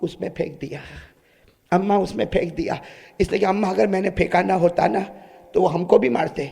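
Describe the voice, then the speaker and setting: A man voicing a frightened daughter who speaks in a hushed, tearful voice. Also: high voice, fairly even intonation, creaky, slightly rough, voice pushed down, full character voice. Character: frightened weeping young daughter, girl. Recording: long hall reverb.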